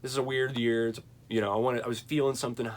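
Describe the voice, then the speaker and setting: A man's voice: mid-range voice, flat delivery, quick pace. A young man chatting casually about his vinyl record collection, rambling and enthusiastic, with plenty of fillers.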